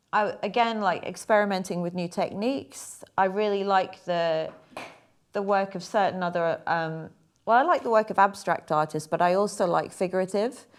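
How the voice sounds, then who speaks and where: A young woman, chatting casually and a bit haltingly about her paintings. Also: mid-range voice. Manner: chatty, rambling, hesitant with fillers. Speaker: artist talking through her paintings. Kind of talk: casual chat.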